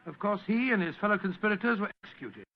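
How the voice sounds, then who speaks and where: A genial, avuncular older English doctor of vintage radio drama. His voice sits high for a man and rambles fussily like a fond storyteller. The sound is a muffled old broadcast. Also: expressive, quick pace. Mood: genial, storytelling. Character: genial, fussy older English doctor recounting past adventures. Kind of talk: 1940s radio acting.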